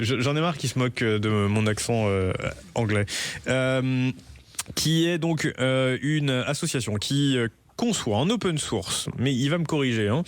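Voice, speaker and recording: A man hosting a radio talk show, speaking with many hesitations and light jokes. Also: medium pitch. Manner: hesitant, many fillers, jokey. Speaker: radio host.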